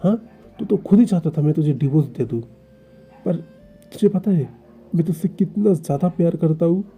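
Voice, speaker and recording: A man's voice: fairly high pitch, moderate pace, dark tone, breathy edge, soft background music. A man voicing a possessive, jealous young man who pleads with his partner in a stammering, reproachful way. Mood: pleading.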